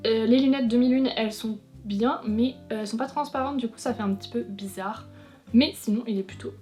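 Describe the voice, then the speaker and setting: A young woman chatting casually as a vlogger, reviewing figurines in a frank, teasing way that is quick to complain. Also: fairly high pitch, mellow. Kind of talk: casual chatty unboxing commentary. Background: faint background music.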